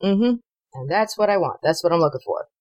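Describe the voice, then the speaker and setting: Chatty woman player, lowish voice. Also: animated, fairly quick, darkish tone, dry recording, lo-fi sound. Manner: chatty, hesitant, many fillers. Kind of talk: casual tabletop play.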